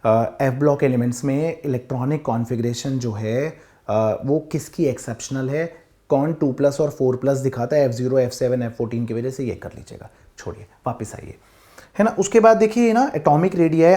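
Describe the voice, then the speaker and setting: A man teaching chemistry to students in a classroom, talking to them directly in a lively lecture. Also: mid-range voice, brisk. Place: classroom with board.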